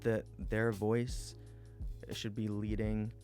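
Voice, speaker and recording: Earnest young man, lowish voice. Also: completely flat delivery, a little mellow, faint music behind. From Atlanta, Georgia. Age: 20s. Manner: earnest, measured, policy-minded. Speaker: school board candidate. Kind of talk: interview guest answering questions.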